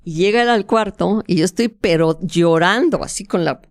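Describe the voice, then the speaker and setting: A woman tells an emotional story in a low, smooth voice. She is animated and restarts often. The sound is dry and close. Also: normal speed, no room sound. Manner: vivid, animated, with frequent restarts and fillers. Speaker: interview guest. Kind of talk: emotional first-person storytelling.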